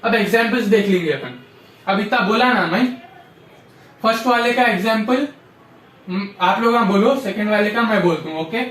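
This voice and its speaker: With a high-pitched, slightly bright voice, a man moves at a moderate pace through a classroom grammar lesson, pausing often. He drills the rules repetitively with frequent "samjhe?" check-ins, recorded at a distance in an echoey room.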